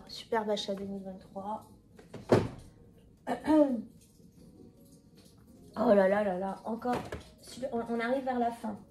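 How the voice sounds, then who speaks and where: A woman's voice: medium pitch, background noise. A woman chatting casually to her viewers, rambling with fillers and self-corrections. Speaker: tarot video creator. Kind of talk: casual talk to camera.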